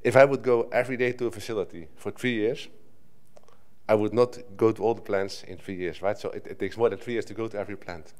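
Here a middle-aged native Dutch speaker from the Netherlands gives a conference talk at a lectern on a conference hall stage, speaking into the lectern microphone. He's conversational, restarting often and leaning on the filler "right?", and his fairly low, slightly mellow voice moves fast with a steady tone.

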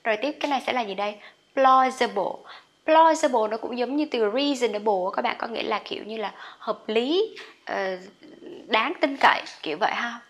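A woman teaching English pronunciation in a casual online lesson, chatty and full of friendly particles. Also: a little high. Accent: Vietnamese. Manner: chatty, lots of sentence-final particles; drawn-out model words when demonstrating.

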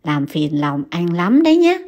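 A woman voicing a weak injured husband who speaks in a faint, low, whispery voice. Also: big pitch swings, measured pace, a little mellow.

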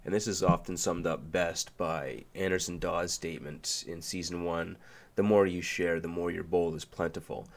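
This video essay host is a man with a deep, gravelly voice made stuffy and nasal by a sinus flu. He narrates a casual explainer at a moderate pace, relaxed and loose, with fillers and restarts.

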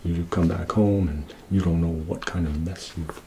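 In a small room with a green backdrop, a man in his 60s shows off his own sketches for ASMR, speaking softly in a low, fairly even voice. His halting murmur often becomes a breathy half-whisper right up against a tabletop Yeti microphone, and clicks and noise fill the close recording.

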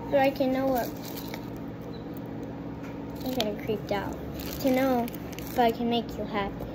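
Sitting at her home kitchen table by a window, a young girl chats casually to her viewers, rambling and restarting her sentences, with a phone propped on the table as the mic. The female voice is fairly high, with fairly even intonation and a measured pace, over background noise.

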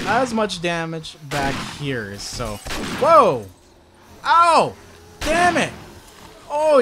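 A man hosting a gaming video, giving excited gameplay commentary full of exclamations and talking straight to his viewers. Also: on the high side. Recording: loud gunfire and game noise behind.

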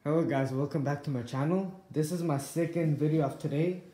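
A man's voice: fairly high pitch, brisk, mellow. A young man hosting a casual challenge vlog. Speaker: vlog host. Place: small hotel room, indoors. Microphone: handheld phone camera. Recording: echoey hotel room, noisy handheld recording.

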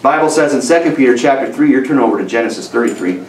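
A man's voice: mid-range voice, lively intonation, quick pace, a little mellow, a little hiss or hum. A man in his thirties preaching a sermon at a lectern, earnest and conversational, with many restarts and "you know"s. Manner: stands at a lectern gesturing with both hands. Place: church sanctuary, indoors, medium room. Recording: roomy church audio from a distance.

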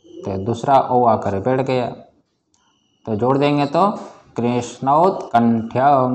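An Indian man teaching Sanskrit grammar in a classroom, slowly drilling his students with repeated questions. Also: medium pitch, darkish tone, slight background noise. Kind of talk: classroom lecture.

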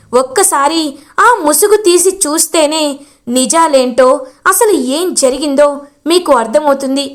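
A woman voicing an earnest young wife who calmly pleads and explains. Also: high voice, natural voice.

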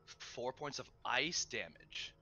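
Lively bright-voiced male game master. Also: medium pitch, takes it slowly, faint music behind. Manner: casual, swears, many ums while narrating. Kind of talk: narrating a tabletop game.

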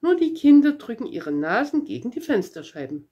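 A woman's voice: high voice, sing-song, moderate pace, mellow, husky, lo-fi sound, full character voice. A woman reading a weary railway switchman. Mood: matter-of-fact. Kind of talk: storybook read-aloud.

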